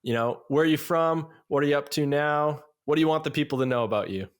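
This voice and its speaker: A man's voice: a little high, fast, smooth. A young man hosting a podcast, introducing guests and segments in an upbeat, slightly rambling way. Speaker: podcast host.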